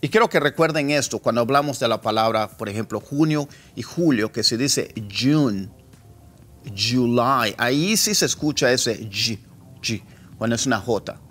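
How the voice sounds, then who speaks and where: A man teaching English pronunciation, repeating example words slowly as drills. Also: medium pitch, lively intonation, a bit bright. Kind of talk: pronunciation lesson.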